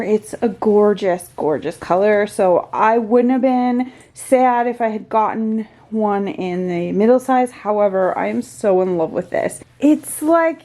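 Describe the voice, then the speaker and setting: A woman chatting casually as she unboxes a handbag for her vlog, gushing and excitable, with rambling asides. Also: fairly high pitch.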